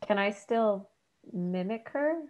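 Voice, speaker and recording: Slow-spoken woman playing a tabletop game. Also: medium pitch, animated, a little mellow. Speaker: player. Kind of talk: casual tabletop role-play.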